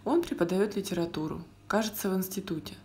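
A woman reading the lines of a quiet, grieving older grandmother in a storybook, with calm, gentle replies. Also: on the low side, fast, slight background noise, close to an everyday voice.

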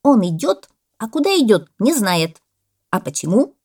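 A woman voicing a pompous male parrot who lectures loudly and exclaims often. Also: mid-range voice, big pitch swings, a little slow, pitched above the performer's own voice. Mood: lecturing.

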